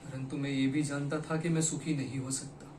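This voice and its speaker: In a theatrical Hindi stage monologue, a man plays a broken, regretful poet confessing to his lost beloved, delivering lines slowly and dramatically with heavy pauses. His mid-range voice is level and only lightly acted, carrying a sorrowful, weary mood. The recording has an echoey room, a distant mic and faint noise.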